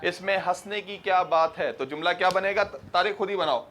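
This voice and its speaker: A man's voice: high-pitched, brisk, a bit bright, a little hiss or hum. A male English teacher giving a classroom grammar lesson, quizzing his students as he goes.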